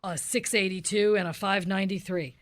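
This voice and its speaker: A woman with a natural, mid-range voice plays a deadpan, hard-boiled police detective in a radio cop-show parody. She talks briskly in a clipped, officious manner, and the recording is very noisy.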